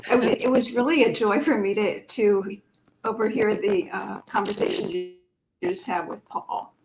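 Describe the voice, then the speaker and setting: A gracious woman guest speaks over a video call. Her voice is gravelly with fry, and clear hiss sits under the line. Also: mid-range voice, normal speed. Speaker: guest, director. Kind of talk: casual interview.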